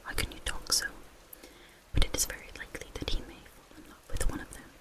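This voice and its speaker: A whispering reader narrating a classic novel in a breathy, unvoiced ASMR whisper. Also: fairly quick.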